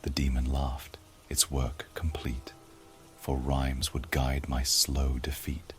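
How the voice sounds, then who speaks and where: A man voicing a haunted, cursed man who confesses in hushed, half-whispered rhyme. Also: extremely low pitch, monotone, slow, slight background noise.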